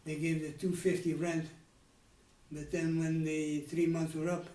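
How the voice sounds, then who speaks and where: Recalling boyhood in a frank interview, this Netherlands man in his nineties speaks with a Dutch accent, hesitating, restarting, and trailing into pauses. His somewhat high voice is level and mellow. The poor recording sounds roomy, with the mic far off.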